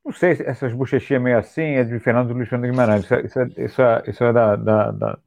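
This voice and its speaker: A man co-hosting a comedy chat, telling jokes in a halting way and repeating his words. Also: mid-range voice, gravelly, darkish tone. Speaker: comedy podcast co-host.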